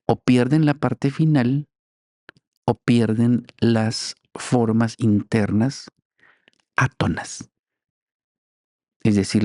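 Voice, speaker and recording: Slow, deliberate teacherly man. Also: fairly low pitch, creaky, warm tone, dry recording, studio quality. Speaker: teacher interviewed as guest. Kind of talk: interview, explaining language history.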